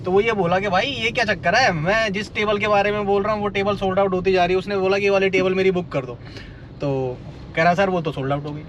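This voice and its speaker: Fast-talking Delhi vlogger man, chatty. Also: sits high, steady tone, fairly bright tone, highs cut off, a little hiss or hum. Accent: Delhi Hindi. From India. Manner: chatty, keeps saying "bhai", laughs while telling a story. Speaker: nightlife vlogger. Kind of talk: casual vlog storytelling. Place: in and around a car on city streets.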